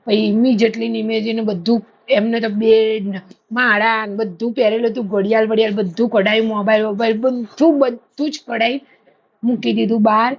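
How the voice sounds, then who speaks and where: A woman's voice: on the high side, moderate pace, muffled recording. A woman, chatting casually to camera in a storytelling way. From India. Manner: chatty storytelling, animated when retelling. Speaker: vlogger.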